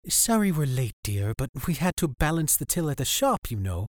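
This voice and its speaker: A man's voice: a little high, big pitch swings, moderate pace, no room sound, studio quality, voice pushed up. A man voicing a pleasant older grandmother who speaks in a sweet, apologetic way.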